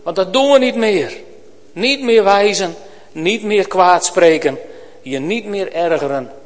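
Earnest preacher in a reverberant church. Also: male voice, high voice, expressive, measured pace. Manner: earnest, pleading, swings from loud to hushed. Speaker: pastor. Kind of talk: sermon. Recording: long reverb of a church hall.

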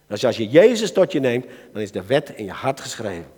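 A man with a Dutch accent preaching a sermon to a church gathering, swinging between soft asides and loud calls to his listeners. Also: medium pitch, very animated, a little fast, husky. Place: church hall. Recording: reverberant hall.

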